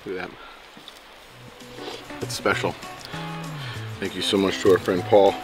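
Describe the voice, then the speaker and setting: Deep-voiced and unhurried, with little pitch movement, a man gives a casual vlog chat to his viewers. He's an outdoor camping and fishing vlogger whose playful, folksy, exuberant manner is full of quirky slang, with music in the background.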